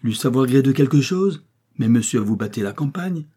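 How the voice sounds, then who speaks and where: A man voicing a coarse, sharp-tongued old peasant woman in an audiobook, indignant and harsh. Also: mid-range voice, fairly quick, husky, voice pushed up, close to an everyday voice. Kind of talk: audiobook character voice.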